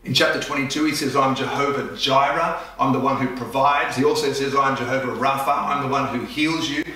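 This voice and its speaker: A man preaching a sermon as a pastor, telling stories in an animated way. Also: medium pitch, fairly quick. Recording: echoey room, voice from far off.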